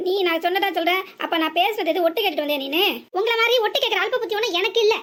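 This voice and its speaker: A woman's voice: extremely high pitch, racing, a bit bright. A woman voicing a quarrelsome young village wife in a cartoon, with a southern Tamil accent and sarcastic retorts. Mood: defiant. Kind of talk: cartoon voice acting.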